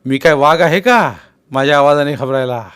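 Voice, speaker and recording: A man's voice: on the high side, moderate pace, fairly bright tone, smooth, natural voice. A man voicing a shrewd, persuasive male village politician who keeps pressing and teasing his friend in a read-aloud novel. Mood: coaxing, persuasive.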